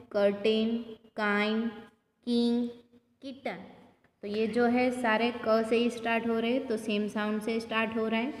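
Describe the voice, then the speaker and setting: A young woman teacher with a Gujarati accent, slowly explaining English sounds and words to young pupils, repeating each word. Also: fairly high pitch, a little mellow. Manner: slow, deliberate word-by-word reading and repeating. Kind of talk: recorded online class for young pupils. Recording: echoey room with long reverb.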